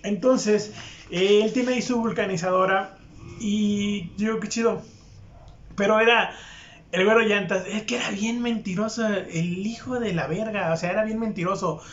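Young Mexican man, profane and mocking storyteller, fairly high voice; echoey, dull lo-fi recording. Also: steady tone, normal speed, a bit bright. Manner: crude, profane and mocking, with frequent laughs. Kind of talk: casual anecdote monologue. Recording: echoey room, dull lo-fi sound.

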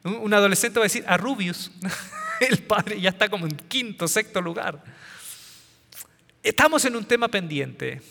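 In a large hall, a man with a high, gravelly voice that sounds pushed and bright speaks on parenting with humor, at a moderate pace with huge pitch swings and frequent pauses. His storytelling builds to punchlines and uses quoted voices, and he often repeats or restarts his words.

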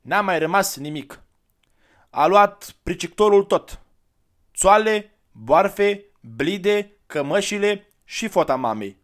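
A man voicing a thin, ragged village boy of seven or eight who is sullen and distrustful, in a raised, shouting child voice. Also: high voice, animated, pitched above the performer's own voice.

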